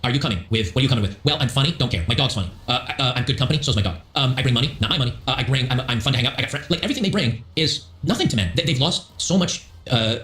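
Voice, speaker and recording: A male host rants through his opinions in a casual stream, acting out the quotes as he goes. He talks very fast at an ordinary pitch. The sound rings in a roomy echo. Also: lively intonation, fairly bright tone. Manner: rambling opinionated rant with acted-out quotes. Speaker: show host.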